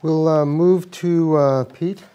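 A man's voice: fairly high pitch, fairly even intonation, slow, warm tone, clean tone, muffled recording. A man chairing a panel discussion, handing over politely and briefly. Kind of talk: moderating a panel.

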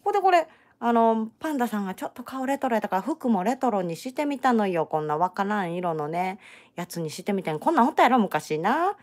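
A woman's voice: mid-range voice, big pitch swings, fast, darkish tone. A middle-aged woman with a Kansai accent, chatting and joking casually while crocheting on a live stream. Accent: Kansai Japanese. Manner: chatty, teasing, joking banter. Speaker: crochet channel host.

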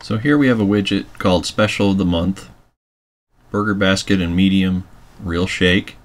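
A man calmly walking through a website editing tutorial step by step, with keyboard typing behind him. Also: sits low, moderate pace. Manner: calm step-by-step explaining while working. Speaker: tutorial presenter. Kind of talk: screencast software tutorial.

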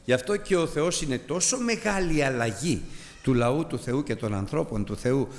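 A man's voice: medium pitch, expressive, big-room sound. A man teaching a Bible study as a sermon, earnest and emphatic, addressing his listeners as brothers.

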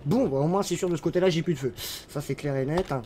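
Talking fast over his gameplay, a male YouTuber rambles chattily, with lots of fillers, restarts and playful asides. His voice is on the high side and mellow, with a little hiss or hum in the recording.

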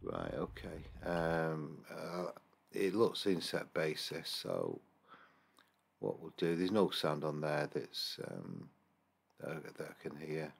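With an extremely low, gravelly, breathy voice, an English paranormal investigator speaks slowly but animatedly as he goes over security camera footage on his computer. His casual, screen-recorded commentary rambles, packed with fillers and restarts.

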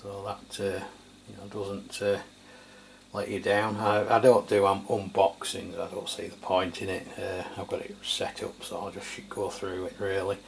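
A middle-aged Englishman, a radio reviewer, gives an unscripted, casual product review at a tabletop indoors. His voice sits low at normal speed, and he sounds hesitant and matter-of-fact. Clear, steady background noise and room ambience are audible.

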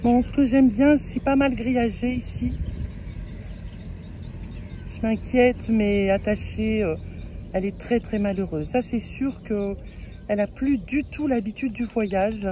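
A woman's voice: a little high, a little slow, pauses often, dark tone, slight background noise. A French woman chatting casually on her road-trip vlog, outdoors at a camper stop, fondly talking to her cat between remarks. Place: outdoors at a camper van area.

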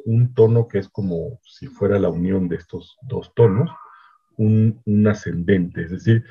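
Guy explaining stuff slowly, lowish raspy voice, muffled lo-fi audio. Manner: explanatory, measured, frequent "¿no?" checks. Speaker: linguistics researcher giving a lecture. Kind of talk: online academic lecture. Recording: dull lo-fi online talk audio.

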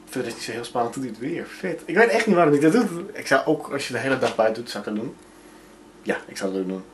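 A man's voice: mid-range voice, very animated, quick pace, a little hiss or hum. A young man chatting casually to a handheld camera as he films himself, rambling with lots of fillers, from his attic room to the street and a train. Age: young adult. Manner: rambling, many fillers, self-filming while walking and travelling. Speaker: vlogger. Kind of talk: casual vlog chat. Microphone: handheld camera at arm's length.

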